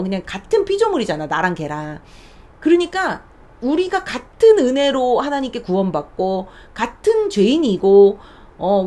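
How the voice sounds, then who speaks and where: A woman's voice: fairly high pitch, darkish tone. A woman deaconess sharing a faith testimony on her podcast, earnest and speaking directly to listeners. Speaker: church deaconess, podcast host.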